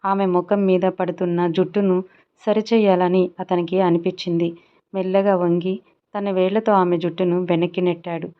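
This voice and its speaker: A woman narrates a romantic short story in a calm, steady voice that sits on the low side for a woman. The sound is dull and lo-fi. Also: moderate pace. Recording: dull lo-fi audio.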